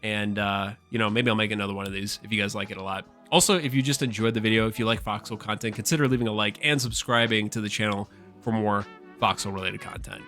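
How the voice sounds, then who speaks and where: A man giving casual, excitable commentary on a game, swearing often and calling his viewers "guys.". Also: on the low side, fast talker, soft background music. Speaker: gaming YouTuber.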